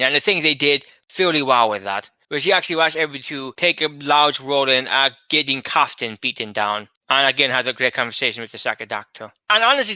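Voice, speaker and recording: A man co-hosting a casual chat show, talking in a chatty way and quick to laugh. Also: mid-range voice, pushed and bright, dry recording. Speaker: podcast co-host.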